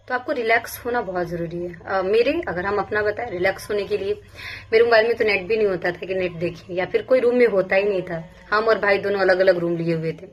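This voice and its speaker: A young woman speaks to exam students in a casual, earnest way, circling back to repeat her points. Her pitch sits in a middle range. A faint hiss stays under the voice. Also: muffled recording. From Bihar. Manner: earnest, repetitive, speaks in first-person plural. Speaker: police sub-inspector giving study advice. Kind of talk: casual advice talk to exam aspirants.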